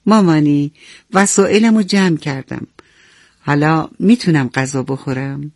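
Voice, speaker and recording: A woman's voice: sits low, darkish tone, dry recording, studio quality. A woman voicing a small, upset little boy who pleads sheepishly in a bedtime story. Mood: pleading. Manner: pleading, childlike.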